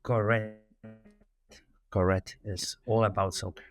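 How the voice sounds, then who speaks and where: A man from Spain with a Spanish accent, a youth soccer director answering interview questions in a measured way with many fillers. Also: lowish voice, level tone, faint music behind.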